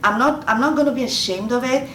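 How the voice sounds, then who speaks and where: A Nigerian-accented woman in her fifties from Nigeria speaks fast in a fairly high, fairly bright voice. She gives earnest advice in a motivational Q&A talk, repeating phrases for emphasis, recorded on a roomy, distant mic with faint noise.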